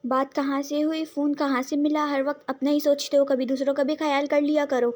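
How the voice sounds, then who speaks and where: Fiery young woman, scolding, high voice; storybook reading by a woman. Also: level tone, a little fast, a little mellow, lightly acted. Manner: scolding, demanding answers.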